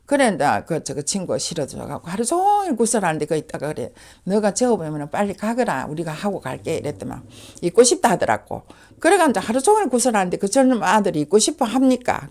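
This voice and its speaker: An older woman with a Gyeongsang accent tells a story in a low, gravelly voice. Her pitch swings widely as she acts out each person she quotes, and she keeps to the easy flow of casual conversation. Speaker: shaman.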